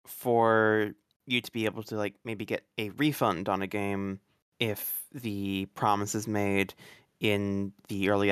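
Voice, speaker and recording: A man on a gaming podcast panel, talking in a measured, thoughtful way. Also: lowish voice, clean tone, no room sound, studio quality. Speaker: podcast panelist, game reviewer. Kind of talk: casual chat.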